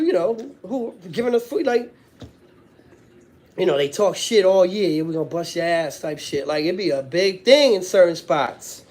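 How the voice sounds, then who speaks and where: A man's voice: sits high, a little mellow. A man hosting a casual live stream, rambling in street slang with constant filler phrases and swearing. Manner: rambling street talk with frequent "you know what I'm saying" and swearing. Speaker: live-stream host, former prisoner. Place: indoors at home.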